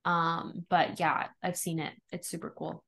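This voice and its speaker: Female podcast co-host, slightly low pitch, informal, sweary, conversational. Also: level tone, a little slow, gravelly, a bit bright. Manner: informal, profane, frequent "like". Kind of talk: casual podcast chat.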